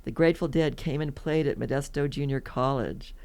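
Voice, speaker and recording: Speaking fairly quickly in a bass voice that's a little mellow, a woman in her seventies from California guests on a podcast. She laughs a lot while spinning loose, chatty stories in a casual interview.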